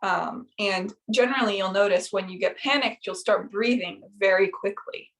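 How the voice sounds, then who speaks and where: A woman's voice: medium pitch, moderate pace, distant mic. A woman teaching a guided yoga workshop in a casual, chatty way with frequent fillers, counting out movements as she leads.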